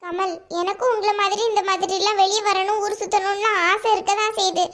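A woman's voice: extremely high pitch, flat delivery, fairly quick, fairly bright tone. A woman voicing a timid young village wife in a cartoon, with a Kanyakumari Tamil accent and a meek, pleading manner. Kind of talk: cartoon voice acting.

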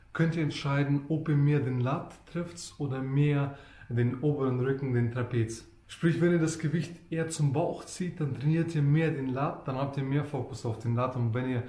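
A man's voice: medium pitch, normal speed, mellow, echoey room. A man coaching viewers through back exercises in a home gym tutorial, explaining and repeating the key points. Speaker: fitness coach.

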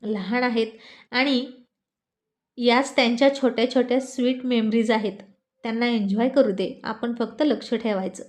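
A woman's voice: on the high side, steady tone, normal speed, darkish tone, lightly acted. A woman voicing a teasing, fond husband. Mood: affectionate, teasing. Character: playful affectionate husband, mid-thirties man.

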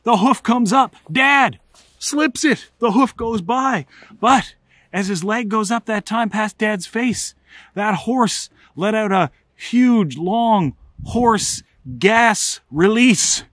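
A middle-aged man, telling a funny personal story in an animated, comic way. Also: high-pitched, slow pace, no room sound. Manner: animated, comic, builds to excited outbursts. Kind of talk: casual spoken storytelling.

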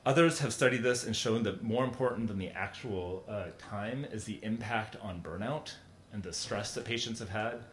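A middle-aged man delivers a conference keynote in a large hall, talking conversationally and tripping over fillers and restarts. His voice sits low, and the room lends a roomy echo over a faint rumble underneath. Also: normal speed. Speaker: keynote speaker.

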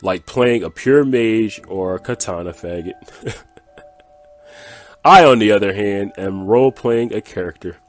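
A man with a deep, low voice talks through gameplay at an easy pace, mumbling through fillers and teasing his opponents with dry sarcasm. Soft music plays faintly behind him. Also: a little slow. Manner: laid-back and mumbling, with many fillers; taunting and sarcastic. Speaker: gaming channel host. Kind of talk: casual gameplay commentary.

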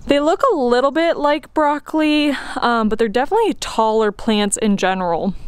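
Walking outside through her home garden, a woman who vlogs about homesteading gives a casual tour of her plantings. Her fairly high voice is clear and resonant, with no room sound.

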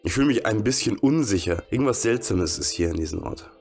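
A man's voice: lowish voice, expressive, fast, a little mellow, faint music behind. A man reading out the lines of a nervous male customer in a café horror game. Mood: uneasy. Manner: hesitant, uneasy.

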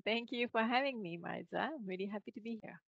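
Her medium-pitched voice is quick, gravelly and a bit bright: a middle-aged French Canadian woman guesting on a casual video-call interview, laughing often between filler words. She's on a podcast mic in a home office with bookshelves, with no echo but highs cut off.

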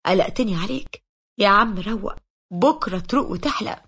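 A woman with an Egyptian accent voicing a calm male friend who keeps reassuring, in a lowered voice. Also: normal speed, slightly rough. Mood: soothing.

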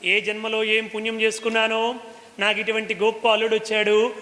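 A man's voice: sits high, monotone, brisk, pushed and bright. A man voicing a joyful elderly king, a grateful father of the bride, who speaks in relieved, overjoyed exclamations. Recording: long hall reverb.

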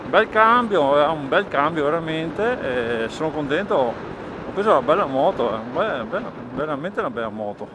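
A man's voice: on the high side, expressive, moderate pace. A man chatting casually to viewers as a motovlogger, rambling and repeating his phrases. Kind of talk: casual vlog chat to viewers. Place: outdoors, on and beside a motorcycle. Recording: road and engine noise, helmet action camera.

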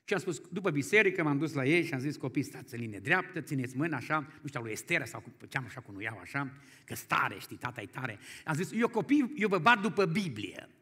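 Animated bright-voiced pastor preaching. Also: male voice, on the high side, breathy edge. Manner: folksy, animated, swings from quiet asides to loud exclamations. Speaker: guest pastor. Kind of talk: storytelling sermon.

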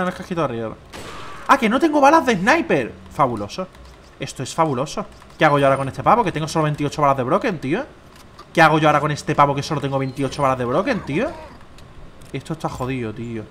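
A young man with a Spain Spanish accent, chatting slangily through his own gameplay, rambling and swinging between excited shouts and low muttering. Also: a little hiss or hum. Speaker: gameplay streamer. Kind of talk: casual gameplay commentary.

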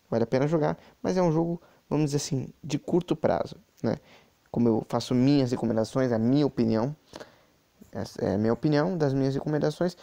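A man's voice: mid-range voice, vocal fry, dark tone. A man giving chatty, casual commentary while playing a mobile game, talking to his viewers with many asides. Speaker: mobile game channel host.

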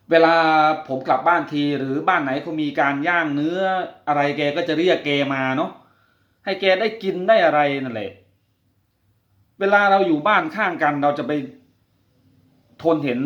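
A man hosting a talk about quitting gambling, telling a personal story in an earnest, confiding way and putting direct questions to the listener. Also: a little high. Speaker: podcast host speaking on quitting gambling. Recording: roomy, dull lo-fi sound.

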